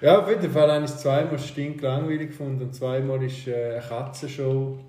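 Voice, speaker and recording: A man's voice: medium pitch, steady tone, fairly quick, warm tone. Distant echoey swiss german man. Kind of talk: casual chat.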